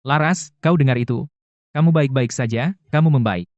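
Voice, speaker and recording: A man's voice: mid-range voice, moderate pace, darkish tone, no room sound, highs cut off, natural voice. A man playing a devoted young CEO in a dubbed TV drama, speaking earnestly and pleading for his beloved. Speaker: company heir.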